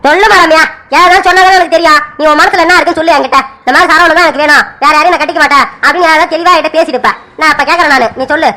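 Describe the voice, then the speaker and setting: A woman plays a stern middle-aged village father in a cartoon family serial, prodding his daughter with question after question and lecturing her about family honor. The voice sits high and bright and rushes along very quickly. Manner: coaxing, pressing questions, lecturing.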